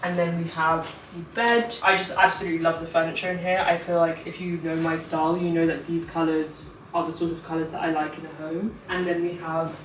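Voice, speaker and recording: A woman's voice: low voice, level tone, fairly quick, few pauses, slight background noise. A young woman from Portugal, a travel vlogger, chatting casually through a room tour and her travel day. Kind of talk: casual vlog narration. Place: hotel room and car. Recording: distant camera mic with loud music.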